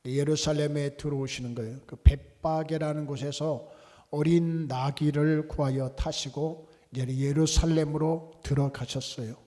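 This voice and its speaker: A middle-aged man preaches from the pulpit with a mellow, rather high voice. He speaks slowly and deliberately and draws the congregation into call-and-response. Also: fairly even intonation. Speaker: pastor. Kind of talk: sermon. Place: church sanctuary.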